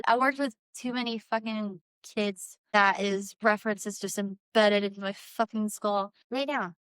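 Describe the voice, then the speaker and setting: A woman talking in a casual, rambling and animated solo vlog style, informal and unscripted. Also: on the high side, clear, resonant tone, no room sound, rough recording. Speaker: host, self-published author.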